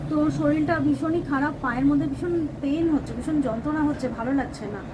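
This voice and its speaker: Brief: woman home vlogger from West Bengal, high voice, chatty narration while doing housework, feeling unwell, faint noise behind. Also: fast talker. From West Bengal, India. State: unwell with a painful leg. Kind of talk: casual home vlog narration. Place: home, kitchen and bedroom.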